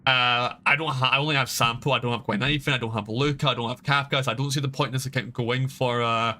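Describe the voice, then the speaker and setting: This game streamer talks fast in a medium-pitched, steady yet sharp voice. He rambles casually and emphatically through his livestream commentary as game music plays behind him.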